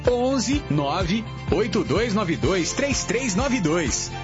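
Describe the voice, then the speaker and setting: Lively male radio promo voice. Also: high-pitched, music in the background. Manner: clear, slow reading of numbers. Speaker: promo announcer. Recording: dull lo-fi radio sound.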